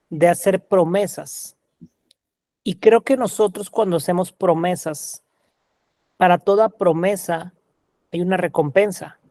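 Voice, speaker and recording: A man facilitating a coaching workshop, asking slow, reflective questions. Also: high voice, a little mellow, no echo.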